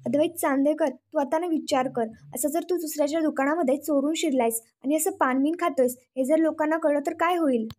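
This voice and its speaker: A woman narrator reading the part of a sharp-tongued young woman who mocks and teases. The voice is high and bright in pitch. It is delivered as quoted dialogue within a storytelling recap. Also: fairly quick, few pauses, lightly acted. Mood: mocking. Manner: mocking, needling.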